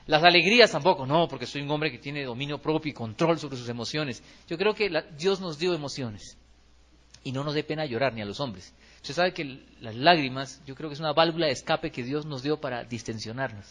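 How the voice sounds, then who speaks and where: A man with a Colombian accent preaching a lively sermon in a church hall, acting out quotes and tossing rhetorical questions to the congregation. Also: a little high, brisk. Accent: Colombian Spanish. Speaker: pastor.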